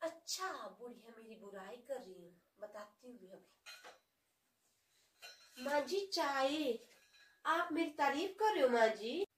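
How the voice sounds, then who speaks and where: A sly, sharp-tongued young daughter-in-law, put on by a woman, talks with sweet mockery in a high voice. The sound is echoey and roomy. It is a comic sketch. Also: expressive, a little slow. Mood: sly mocking. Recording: roomy echo.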